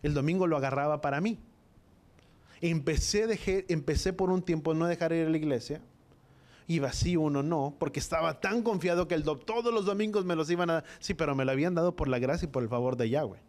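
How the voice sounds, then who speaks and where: A man preaches to a church congregation, telling his own story of faith. His voice sits a little high for a man, and he acts out the dialogue of his memories with earnest feeling. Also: fairly quick, a little mellow. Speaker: preacher giving a testimony. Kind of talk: sermon testimony.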